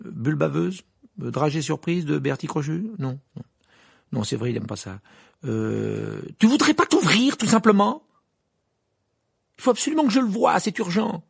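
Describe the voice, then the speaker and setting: A man voicing an anxious, impatient teenage boy wizard making hurried, pleading guesses. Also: medium pitch, gravelly, a little mellow, slightly rough, no echo, clean studio sound, pitched above the performer's own voice, heavily acted.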